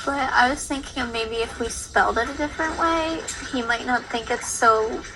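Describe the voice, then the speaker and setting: A woman's voice: fairly high pitch, normal speed, recorded from a distance, low-quality recording. A young adult woman talking casually in a reality TV show, played back from television. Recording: TV show playback with music underneath.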